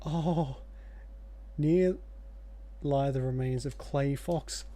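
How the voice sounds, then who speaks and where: A video game streamer offers relaxed let's play commentary, rambling and reflective, in a warm, mid-range voice at a very slow pace. Faint background noise and game ambience can be heard.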